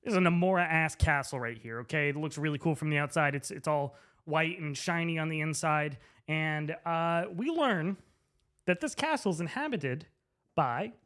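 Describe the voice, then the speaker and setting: Presenting to camera, a drunk man rambles through a story in slangy, comedic fashion, his voice a little high with a fairly bright tone. He's emphatic, repeating words, names and phrases to drive points home.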